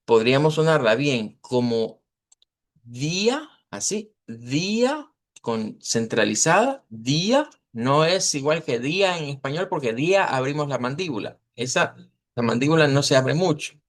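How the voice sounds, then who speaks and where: In an informal language lesson, a teacher with a Latin American Spanish accent walks through pronunciation deliberately. His fairly high voice is animated, and he keeps confirming understanding with short tag questions.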